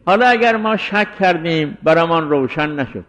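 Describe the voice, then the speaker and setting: A man giving a deliberate scholarly lecture as a seminary teacher, explaining and restating his points. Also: fairly high pitch, expressive, a bit bright. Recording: dull lo-fi recording in a reverberant hall.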